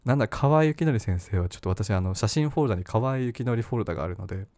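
A man's voice: fairly low pitch, lively intonation, fast, darkish tone, dry recording. A man hosting a podcast on his own, rambling and self-mocking with lots of fillers. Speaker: podcast host. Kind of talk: casual solo podcast talk.

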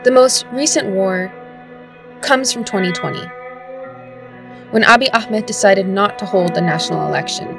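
A woman host reading a scripted introduction in a measured, even way. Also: medium pitch, vocal fry. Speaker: host narrator. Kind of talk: scripted narration. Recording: narration over guitar music. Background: guitar music.

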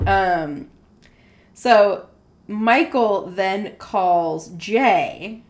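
A woman's voice: medium pitch, drawn-out words. A young woman co-hosting a podcast, chatting casually and with many fillers as she tells a true-crime story. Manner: chatty, acts out quotes in a loud drunk voice. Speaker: podcast co-host.

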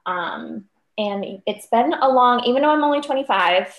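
A woman's voice: on the high side, lively intonation, moderate pace, highs cut off. A 25-year-old woman from Cape Cod, Massachusetts, a guest chatting upbeat and casually on a podcast, with many fillers like "um" and "like". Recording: roomy echo.

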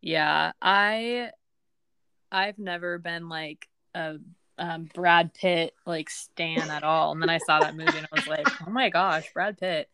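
A young woman co-hosting a podcast, chatting casually and rambling with many pauses and fillers. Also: lowish voice, animated, creaky, pushed and bright. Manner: rambling, lots of ums and likes. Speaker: podcast co-host. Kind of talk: casual chat.

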